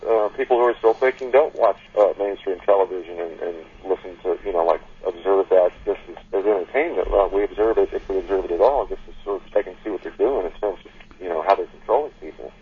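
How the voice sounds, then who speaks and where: A man calling in to a panel, talking haltingly with many restarts. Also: low-pitched, slight background noise. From United States. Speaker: panel caller. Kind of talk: casual call-in discussion. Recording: husky voice over a tinny phone line.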